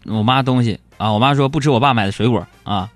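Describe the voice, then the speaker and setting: A young man, hosting a live stream show and telling joking, animated stories about his family. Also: medium pitch, fast talker, faint music behind. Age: young adult. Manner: joking, animated storyteller who acts out arguments. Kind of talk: comic storytelling monologue. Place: broadcast studio.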